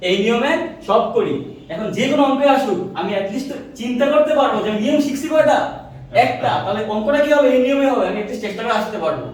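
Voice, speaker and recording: A man teaches physics in a quick, high voice, quizzing his class and echoing their replies. He sounds distant from the mic, in a room with heavy echo. A faint ambient hiss sits behind him. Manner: drills students with repeated questions, answers himself. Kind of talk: classroom lecture with call-and-response. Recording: echoey room, mic far off.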